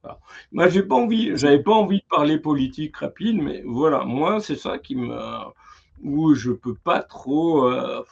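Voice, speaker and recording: A man hosting a casual live-stream interview, talking in a halting way as he searches for his words. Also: fairly high pitch, vocal fry, breathy edge. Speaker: interviewer, live show host. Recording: muffled lo-fi sound.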